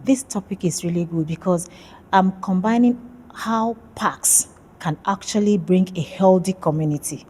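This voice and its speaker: A woman's voice: fairly low pitch, normal speed, mellow, slightly rough. A woman from Nigeria, a PhD student, talking about her research in a casual interview, friendly and hesitant with many fillers.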